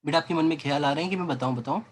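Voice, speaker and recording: A man's voice: a little high, racing. A man teaching physics in a lecture, coaxing students along and voicing their doubts as questions. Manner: coaxing, voices student doubts, calls listener beta. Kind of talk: classroom lecture.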